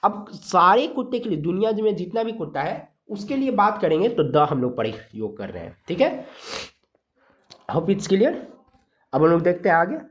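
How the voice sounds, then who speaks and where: A teacher from India giving a grammar lesson, explaining rules step by step, sounding letters out slowly and checking in often with the class. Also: mid-range voice, very animated, muffled recording. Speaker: exam-prep English grammar teacher.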